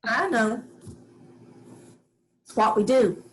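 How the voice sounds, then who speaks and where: This staged play reading has a woman portraying an old farm grandmother who issues firm, kindly orders in plain rural dialect, love beneath each one. Her fairly high voice moves with lively intonation and carries a tender, resigned mood.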